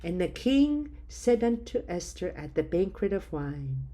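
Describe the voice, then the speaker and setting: A woman reading scripture aloud in a slow, measured, solemn way. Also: fairly low pitch, very animated, warm tone. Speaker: scripture reader.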